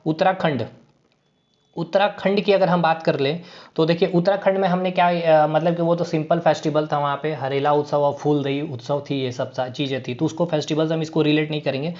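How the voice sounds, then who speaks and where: Man, exam coach, repeats key words, fairly high voice, dull lo-fi sound. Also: steady tone, brisk, darkish tone. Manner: repeats terms, builds memory tricks, many fillers. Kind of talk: casual exam-prep lesson.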